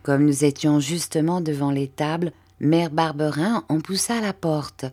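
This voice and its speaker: Low-voiced woman reading a novel aloud. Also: dark tone. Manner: measured storytelling, lifting her voice for quoted characters. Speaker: audiobook reader. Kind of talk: audiobook narration of a classic novel.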